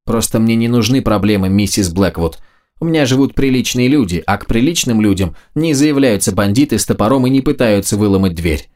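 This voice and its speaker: A spiteful old landlady shrieks and hisses her accusations in a raised, strained voice, put on by a man reading the audiobook. Her tone is sharp and nagging throughout, far higher than a low male narrator's own voice. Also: expressive, a little fast, lightly acted. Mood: shrill accusing.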